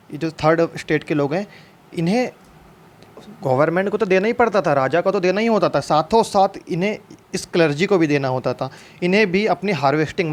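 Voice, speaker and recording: A man teaching a history lesson in a loose, conversational way, posing questions and answering them himself. His voice sits a little higher than most men's. He restarts words often and slips English terms into his explanations.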